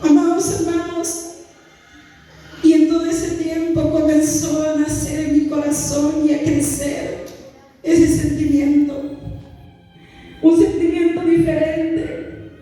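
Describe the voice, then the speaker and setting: A woman with a high, mellow voice gives a fervent church testimony at an unhurried pace, her phrases often lifting into a sung cadence. She is heard from far off in a big, booming hall, with soft music underneath. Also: flat delivery. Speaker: church member giving testimony.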